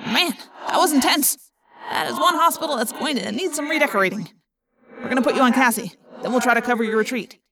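A woman's voice: high-pitched, a little fast, pushed and bright, distant mic, voice pushed up. A woman voicing a joking teenage boy who wisecracks while helping an injured friend. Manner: joking, casual.

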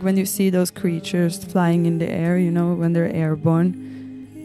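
This is a musician recounting her personal story in a reflective way, her low voice moving slowly over music. Her manner is hesitant and thoughtful, with pauses between short phrases.

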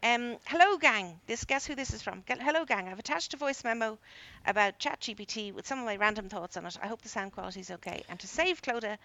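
A woman's voice: fairly high pitch, animated, fast, hardly any pauses, pushed and bright, muffled recording. A woman co-host chatting casually and reading listener messages aloud.

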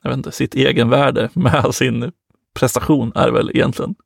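A man's voice: mid-range voice, fairly even intonation, vocal fry, no room sound, studio quality. A man co-hosting a podcast in casual chat, easygoing and laughing often. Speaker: podcast co-host.

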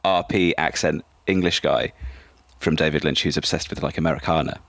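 A man with a very deep voice talks quickly in a casual podcast film chat. He hesitates and restarts his sentences as he reaches for memories. The sound is dry, with no room echo. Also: fairly even intonation, gravelly, a bit bright. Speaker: podcast co-host.

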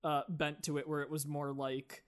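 A man with a fairly high voice co-hosting a podcast. He talks in an animated way and swears freely in relaxed chat. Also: normal speed. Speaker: podcast co-host. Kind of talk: casual chat.

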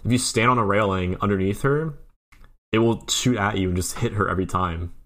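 A man with a low voice talking loosely about a video game, stringing his thoughts together with "like." He breaks into silly imitations of game sounds now and then. The chat is relaxed and jokey. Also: a little fast. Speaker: podcast co-host.

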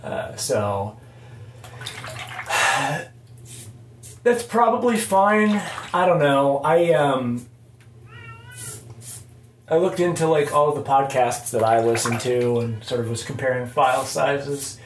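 A man hosting a casual solo podcast from an echoing bathroom, talking in a halting, rambling, informal way. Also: medium pitch. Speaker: podcast host. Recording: echoey bathroom, faint background noise. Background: faint noise, sounds of shaving at sink.

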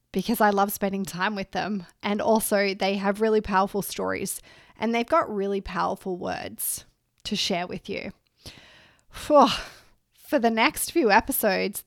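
A woman's voice: medium pitch, a bit bright, dry recording, clean studio sound. A woman hosting a podcast, nasal from a head cold, chatting upbeat and laughing often. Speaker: podcast host and strength coach. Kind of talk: casual solo podcast intro.

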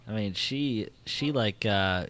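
A man's voice: on the low side, slow pace, a bit bright. A man hosting a casual movie discussion, rambling and hesitant, with many fillers.

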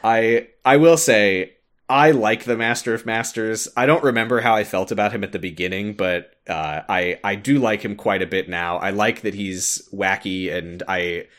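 A podcast host casually recaps a video game in a wry, sweary way, acting out quoted lines. His voice is fairly low and a bit bright, at a moderate pace.

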